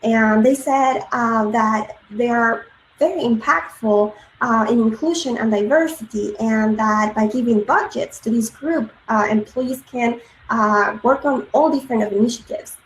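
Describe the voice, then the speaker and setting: A woman's voice: on the high side, unhurried. Woman, thirties, grew up in Peru; earnest conference speaker, filler-heavy, roomy echo on the recording. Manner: frequent ums and uhs, earnest. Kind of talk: presentation talk. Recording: echoey room with faint noise.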